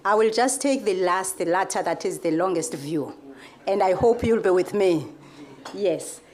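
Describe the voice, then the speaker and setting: A woman with an African accent formally introducing a speaker as session chair, with halting, deliberate phrasing. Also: mid-range voice, lively intonation, darkish tone. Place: conference event before an audience.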